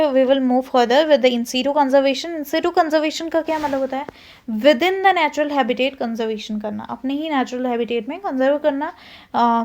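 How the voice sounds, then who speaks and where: High-voiced Indian woman teaching zoology. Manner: Hindi mixed with English terms, many restarts. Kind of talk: explaining a lesson.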